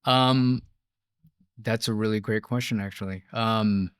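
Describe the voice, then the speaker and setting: A man's voice: lowish voice, steady tone, a little slow, clear, resonant tone, no echo, studio quality. A man in his fifties from Taiwan, a biotech founder answering interview questions in an explanatory way with many fillers and tag questions.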